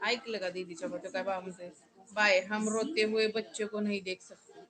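A woman's voice: medium pitch, fairly even intonation, moderate pace, crowd noise. A woman on a casual home live stream, coaxing and scolding a crying child. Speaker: vlogger.

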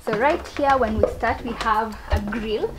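A woman's voice: fairly high pitch, a little slow, very noisy. Bubbly young woman vlogging. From Kenya. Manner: bubbly, chatty, laughs often. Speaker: vlogger, channel host. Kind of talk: casual travel vlog tour. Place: treehouse holiday rental, partly outdoors.

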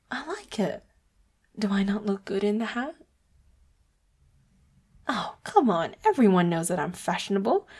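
A voice actress with a mid-range voice plays a sweet, secretive boss who is secretly a leopard hybrid in a roleplay audio drama. She sounds soft and breathy and often drops into whispers.

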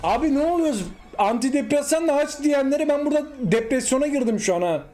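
High-voiced excited young Turkish man gaming. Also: quick pace, soft background music. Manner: animated, exclaims and repeats short cries at the screen. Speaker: gaming YouTuber. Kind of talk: excited live gameplay commentary.

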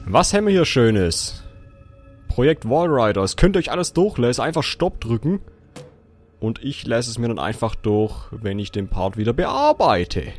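A man's voice: mid-range voice, big pitch swings, moderate pace, faint music behind. A young man doing casual horror game commentary, swearing a lot and shrieking at the scares. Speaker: let's play gamer. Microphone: facecam setup, desk mic.

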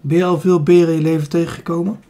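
A man voicing a cool-headed, teasing young woman in an audiobook, speaking softly and dryly. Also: a little high, level tone, very fast, natural voice. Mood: teasing, firm.

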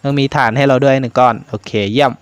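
A man's voice: mid-range voice, steady tone, very fast, smooth, no room sound. A man commentating a horror game for his viewers, jumpy and swearing casually. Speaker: gaming YouTuber.

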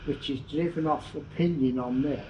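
A man's voice: fairly high pitch, normal speed, a little mellow, slight background noise. Older Northern English man explaining a clock. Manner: plain, matter-of-fact explaining, sounds out chimes. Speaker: church clock expert guide. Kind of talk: explaining on a walking tour. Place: inside a stone church tower. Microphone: handheld camera mic, moving. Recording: dull lo-fi camera audio.

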